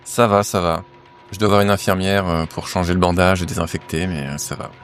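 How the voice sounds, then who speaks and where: A man playing a tabletop role-playing game, casually improvising what he does in a halting way. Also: low voice, fairly even intonation, soft background music. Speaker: tabletop role-play player.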